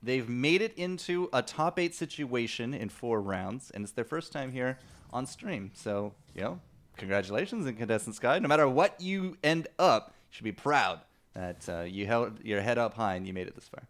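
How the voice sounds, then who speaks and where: Excitable young male esports caster. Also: mid-range voice, normal speed. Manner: excitable, laughing, talks to chat. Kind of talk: live game commentary.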